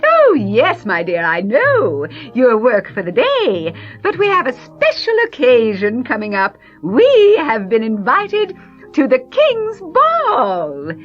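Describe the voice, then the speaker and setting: A woman's voice: fairly high pitch, huge pitch swings, dull audio, faint music behind, heavily acted. A woman voicing a bossy, scornful middle-aged stepmother who drawls and mocks theatrically. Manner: slow, drawn-out, mocking, grandly theatrical.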